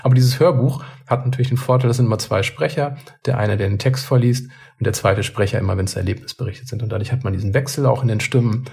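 A man co-hosting a podcast and chatting casually and reflectively. His voice is gravelly and a little husky, with a dark, mellow tone. He often restarts and repeats words as he works through a thought. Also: medium pitch, fast talker, few pauses. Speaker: podcast co-host.

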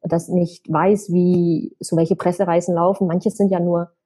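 A woman's voice: on the low side, level tone, a little slow, warm tone, breathy edge. A woman from Germany, a travel blogger, talking casually about her trips, thinking aloud with fillers and restarts. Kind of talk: casual podcast conversation.

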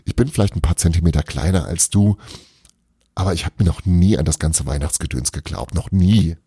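A man's voice: deep voice, fairly quick, mellow, husky, no room sound, studio quality, heavily acted. A man reading a storybook aloud, voicing a stubborn, sceptical boy who talks in a grumpy, dismissive way.

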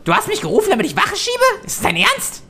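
A woman's voice: very high voice, huge pitch swings, fast, gravelly, bright, forceful tone, exaggerated voice. A woman voicing a cheeky little talking raven familiar in a tabletop role-play, brash and mouthy. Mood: indignant.

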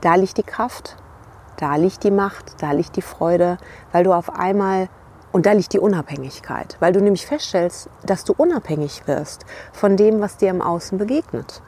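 A woman's voice: fairly low pitch, animated, moderate pace, darkish tone, breathy edge. A woman giving a motivational talk to camera outdoors by a river, speaking reflectively to the viewer as a leadership coach and checking in with short tag questions.

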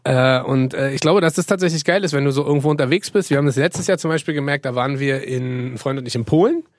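A man's voice: mid-range voice, quick pace, no echo, clean studio sound. A man co-hosting a casual podcast, joking, laughing often and talking at length. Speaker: podcast co-host. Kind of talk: casual chat.

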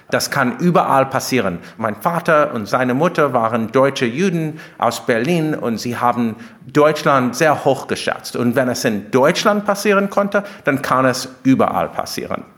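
In a somewhat bright, medium-pitched voice with an American accent, this US-born philosopher and author explains things as an interview guest. His German is non-native and shows minor grammatical slips.

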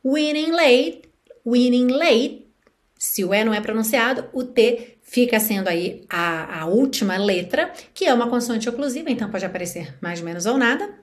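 A woman's voice: medium pitch, expressive, brisk, hardly any pauses. A woman with a Brazilian Portuguese accent teaching English pronunciation through song lyrics, explaining patiently and checking in often with the listener.

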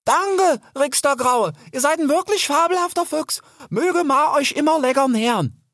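A gentle young wild sow speaks in a squeaky, lilting voice, sweet and politely formal, as a male narrator puts her on. She belongs to a storybook about forest animals. The voice is far higher than any grown man's. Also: animated, moderate pace, dry recording, clean studio sound, heavily acted. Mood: grateful.

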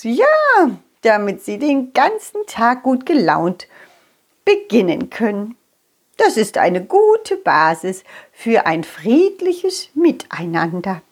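Woman doing a gentle, forgetful old fairy. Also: on the high side, exaggerated voice. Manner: gentle, soothing, motherly.

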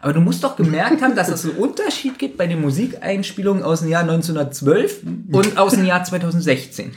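A man with a somewhat high voice, talking casually on a podcast. He weighs small details and often pauses on fillers as he thinks. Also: lively intonation, a little hiss or hum. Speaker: podcast co-host. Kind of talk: casual chat recapping an audio drama.

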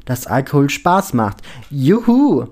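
A man reading a story and voicing a loud, tipsy, clingy rich young woman with a shrill, overexcited manner. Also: steady tone, moderate pace, lightly acted. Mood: tipsy laughing.

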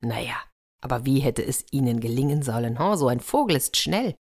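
A woman telling a fairy tale aloud in a lively way, with chatty asides to the listeners. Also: rumbling low, brisk. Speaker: storyteller.

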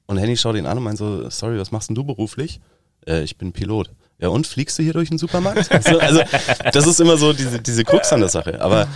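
A man from Upper Bavaria with a Bavarian accent, an actor chatting as an interview guest and telling lively anecdotes with quick dialect impressions. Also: on the low side. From Upper Bavaria, Germany. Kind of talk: casual interview chat.

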